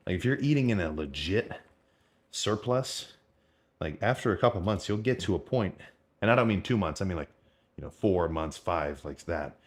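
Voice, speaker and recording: A man's voice: low-pitched, expressive, moderate pace. A man in his twenties chatting in a casual, rambling, slangy way, as a fitness vlogger. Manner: rambling, informal, full of slang and mild swearing. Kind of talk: casual unscripted vlog chat about eating and training.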